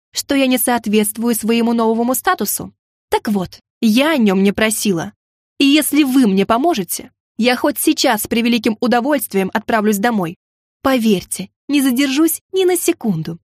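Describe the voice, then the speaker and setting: A woman's voice: a little high, animated, normal speed, no room sound, clean studio sound. A woman voicing a fed-up young woman who answers sharply and defiantly.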